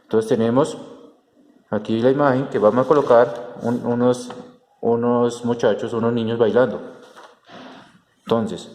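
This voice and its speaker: A man's voice: medium pitch, fairly even intonation, a little slow, long pauses, a little mellow. A man, a teacher explaining a class lesson step by step, with frequent fillers and restarts. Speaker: Spanish teacher. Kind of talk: recorded class tutorial. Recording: roomy echo with long reverb and faint background noise.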